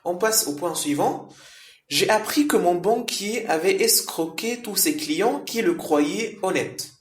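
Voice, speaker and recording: A man with a fairly high voice walks learners through vocabulary one word at a time, rephrasing each term and dropping in frequent fillers. The recording rings with the echo of a bare room. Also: animated. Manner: slow, repetitive explaining with frequent "hein" and "euh". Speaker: French teacher.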